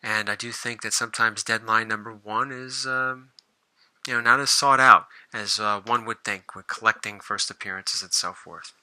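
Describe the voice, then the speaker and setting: Bright, rambling male comic collector. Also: fairly low pitch, fairly even intonation, normal speed, no echo, poor audio. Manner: rambling, with many fillers and restarts. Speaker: comic book collector and channel host. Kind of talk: casual show-and-tell video.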